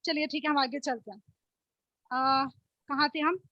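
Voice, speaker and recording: A woman teaching an online class through a playful word game, encouraging her pupils and drilling words slowly and clearly. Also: sits high, pushed and bright, no room sound, lo-fi sound. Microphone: video call.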